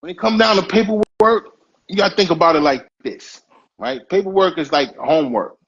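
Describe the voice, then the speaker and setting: A man with a high-sitting, fairly quick voice and a breathy edge hosts a casual podcast chat. He gives advice emphatically, repeating his points, and the stream audio is dull and lo-fi.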